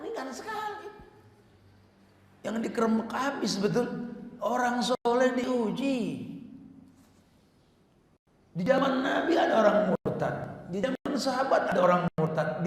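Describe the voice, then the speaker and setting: A man preaching a lively Islamic sermon, mixing casual slang with recited Arabic verses, swinging between loud exhortation and soft asides. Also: high voice. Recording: echoey hall with long reverb.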